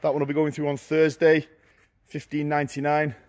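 A middle-aged man walking through a large warehouse, listing auction lots in short, brisk phrases as he goes. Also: on the high side, completely flat delivery, a little mellow. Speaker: auctioneer giving a viewing tour. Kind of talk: walking tour commentary. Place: large indoor warehouse with shelving.

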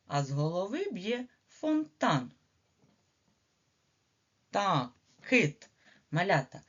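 A woman with a Ukrainian accent giving a slow early reading lesson to small children, drawing out each sound and syllable. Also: on the low side, breathy edge. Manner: slow, sing-song, drawn-out sounds for children. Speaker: preschool teacher. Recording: slightly dull lo-fi recording.

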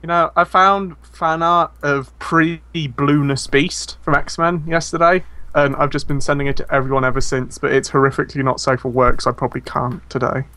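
A man's voice: fairly high pitch, level tone, normal speed, pushed and bright, dry recording. A man, a podcast guest, joking and rambling through casual banter.

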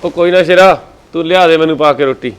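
An actor playing a complaining bachelor uncle in a Punjabi village family drama, speaking with a Punjabi accent. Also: male voice, a little high, quick pace, clear, resonant tone, close to an everyday voice. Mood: quarrelsome. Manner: complaining, self-pitying.

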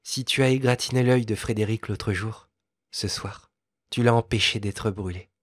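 A man voicing a kind young lady in a storybook reading, speaking softly and coaxingly. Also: fairly low pitch, moderate pace, breathy edge, no room sound, studio quality. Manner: soft, coaxing, tactful.

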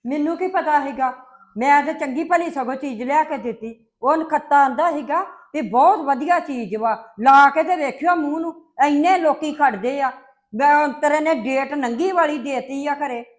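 Flustered mom, played by an actress, high voice, always defending herself. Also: female voice, moderate pace, lightly acted. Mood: defensive. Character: fussing, well-meaning village mother, easily flustered. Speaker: mother. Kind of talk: web drama acting.

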